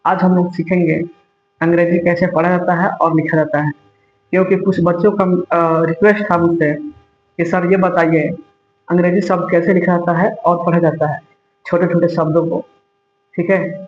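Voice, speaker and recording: A man teaching a lesson step by step, asking questions and answering them himself. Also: high voice. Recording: echoey room, dull lo-fi sound, faint music.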